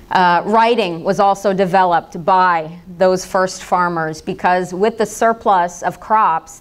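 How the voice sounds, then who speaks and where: An American woman giving a public lecture with slides, slipping in dry, sarcastic asides. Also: lowish voice. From United States. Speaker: speaker giving a public talk.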